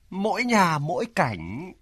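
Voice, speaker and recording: An actor playing an anxious middle-aged son in a radio drama, talking in a hurried, fussing way with a husky voice. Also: male voice, high voice, huge pitch swings, fairly bright tone, exaggerated voice. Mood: coaxing.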